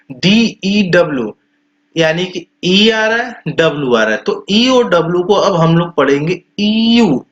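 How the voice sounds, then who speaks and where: A man teaching English pronunciation in Hindi. He stretches out the example words slowly and loudly and explains each rule in repetitive steps. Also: sits high. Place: small classroom or institute room. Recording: echoey room, dull lo-fi sound.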